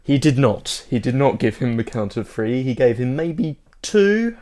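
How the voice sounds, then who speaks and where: Man, podcast co-host, mid-pitched voice, slow, wry, laughing. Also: very animated, a little mellow. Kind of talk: casual chat.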